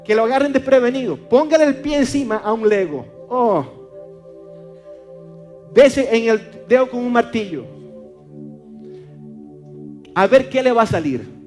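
A man's voice: very high voice, darkish tone. A man from Maracaibo with a Venezuelan accent, preaching a sermon, often repeating words and stumbling on fillers as he calls listeners brother.

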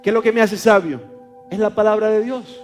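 This man's voice sits high and stays fairly even in intonation as he preaches at a fairly quick clip over faint music. Hailing from Maracaibo with a Venezuelan accent, he often repeats words, stumbles on fillers, and calls people brother.

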